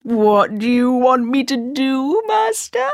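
A woman's voice: high-pitched, big pitch swings, takes it slowly, creaky, dry recording, studio quality, pitched above the performer's own voice, full character voice. A woman doing a servile bowing genie. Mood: deferential.

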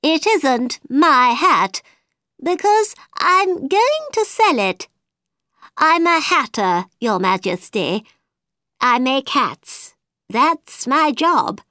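A woman's voice: high voice, sing-song, drawn-out words, pushed and bright, dry recording, clean studio sound, pitched above the performer's own voice, exaggerated voice. A woman voicing a nervous, muddled male hatter who pleads and fumbles in court. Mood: pleading. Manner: flustered, pleading.

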